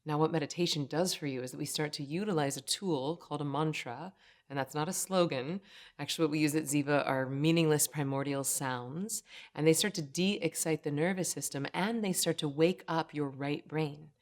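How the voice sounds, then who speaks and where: A woman's voice: sits low, normal speed. A woman in her thirties teaching meditation straight to camera, upbeat and conversational, often checking in with "right?". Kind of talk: direct-to-camera teaching talk.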